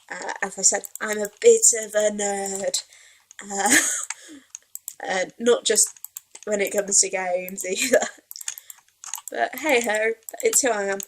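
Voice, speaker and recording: In a rough recording with a little hiss or hum, a young adult let's play gamer talks at medium pitch. She's from Wales, and some Yorkshire creeps into her Welsh accent as she rambles casually and makes fun of herself over her gameplay.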